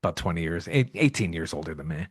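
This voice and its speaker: A man's voice: sits low, expressive, fast talker, breathy edge, no room sound, clean studio sound. A man in his fifties from Cleveland, Ohio, hosting an arts podcast and chatting eagerly with his guest. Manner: enthusiastic, complimentary. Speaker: podcast host. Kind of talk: casual interview chat.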